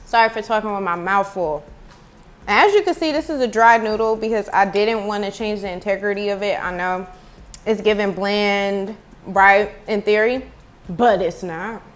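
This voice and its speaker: A woman reviews food for her vlog, talking chattily to viewers she addresses as "y'all." Her voice is medium-pitched at a normal speed, recorded at home through earbud headphones.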